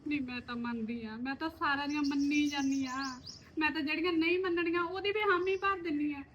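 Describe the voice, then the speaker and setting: A woman's voice: sits high, steady tone, brisk, a bit bright, muffled recording. An actress playing a frightened, downtrodden village wife and mother who pleads and prays in despair. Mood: fearful. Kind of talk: rural family drama.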